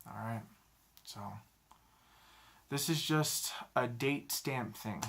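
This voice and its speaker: A man in his thirties talking to a camera in a halting, self-critical confessional vlog, often repeating himself. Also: medium pitch, vocal fry, fairly bright tone, a little hiss or hum. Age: 30s. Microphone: camera mic, talking to a camera.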